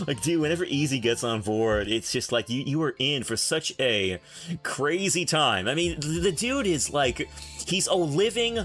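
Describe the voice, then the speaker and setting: An excitable young man chats casually on his stream, stumbling and restarting as he talks and breaking into laughter often. His voice sits in a middle register, and faint game music plays softly behind him. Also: mid-range voice. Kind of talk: casual stream chat while gaming.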